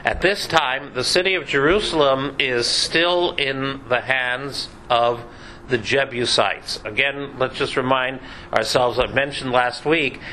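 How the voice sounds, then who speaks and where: A man's voice: medium pitch, sharp tone, slight background noise, poor audio. A man giving a conversational Bible class lecture, chatty and sprinkled with dry joking asides. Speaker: Bible teacher.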